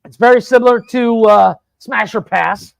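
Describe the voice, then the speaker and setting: A man hosting a podcast, his voice pitched high and rough with gravel. He rambles through profane, animated stories in a dry, close studio sound. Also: normal speed, no echo, muffled recording. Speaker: podcast host. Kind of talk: casual storytelling chat. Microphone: podcast studio mic.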